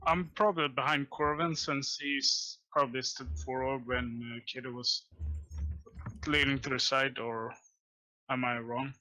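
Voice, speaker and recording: A male player in a tabletop game casually explains his character's moves. His voice is very bright and tense, sitting in a middle pitch. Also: fairly even intonation, unhurried, rough recording.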